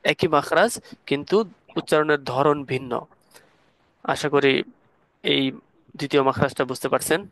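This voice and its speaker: A man's voice: a little high, fairly even intonation, moderate pace, long pauses, a bit bright, no echo. A man teaching an online Quran recitation class, explaining patiently step by step and quizzing his students. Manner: asks students questions to check understanding.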